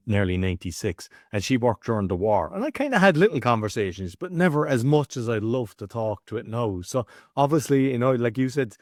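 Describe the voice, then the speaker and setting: A man's voice: mid-range voice, no room sound, studio quality. A man hosting a podcast, asking questions in a loose, conversational way with plenty of filler words. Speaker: podcast host. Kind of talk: casual interview chat.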